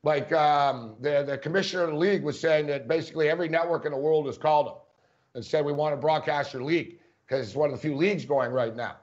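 A man co-hosting a casual sports podcast talks fast in a voice on the high side, chatty, laughing often, and full of fillers. The sound is dull and lo-fi.

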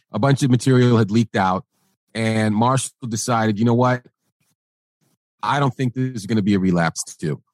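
Male interviewer, lowish pitch, dry recording, matter-of-fact, explanatory, conversational. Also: no echo. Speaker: interviewer with music industry experience.

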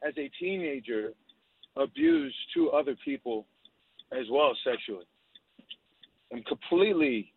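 A man in his fifties calling in by speakerphone from his car, speaking haltingly and hesitantly and often repeating himself. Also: medium pitch, no room sound. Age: 50s. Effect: phone call from a car on speakerphone. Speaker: caller. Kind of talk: call-in confession. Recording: tinny dry phone line.

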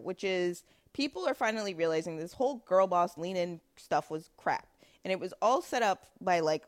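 A woman hosting a casual podcast conversation, talking in a chatty way with many fillers. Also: medium pitch. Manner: chatty, frequent fillers and laughs. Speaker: podcast host.

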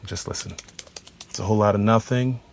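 An actor playing a wry, sardonic federal agent with an odd sense of humor. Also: male voice, lowish voice, steady tone, brisk, gravelly. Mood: dry. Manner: dry, sardonic. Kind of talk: audio drama acting. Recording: noisy background.

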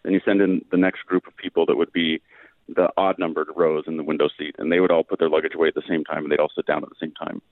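Deep-voiced man on a fading phone line. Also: flat delivery, fast, no echo. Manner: patient, explanatory, with frequent "um"s. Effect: phone line that fades in and out. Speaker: guest physics professor. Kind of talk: explaining by phone on a radio show.

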